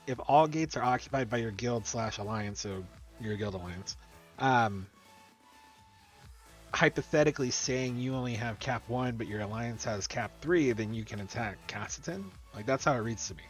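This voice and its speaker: A man's voice: medium pitch, normal speed. Man chatting over game music. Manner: animated, reads rules aloud and debates them. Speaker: streamer host. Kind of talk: casual gaming chat.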